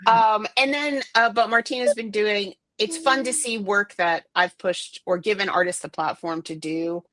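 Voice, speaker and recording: A woman's voice: medium pitch, a bit bright, no room sound. A middle-aged woman chatting casually as an art director guest, rambling with lots of fillers and restarts. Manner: rambling, many fillers and restarts, quick bursts. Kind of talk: casual interview chat.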